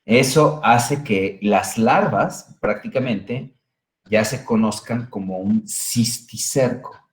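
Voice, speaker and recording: A man's voice: on the low side, takes it slowly. A man giving a recorded lecture, explaining step by step and often checking in with the class. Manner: explanatory, checks in with frequent "¿bien?".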